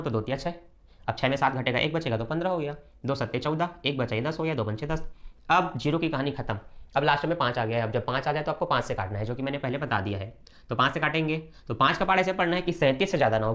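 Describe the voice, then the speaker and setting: Fast-talking man teaching math. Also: fairly high pitch, fairly bright tone. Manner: brisk, repetitive, often checks "simple" and "okay". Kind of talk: step-by-step classroom math lesson.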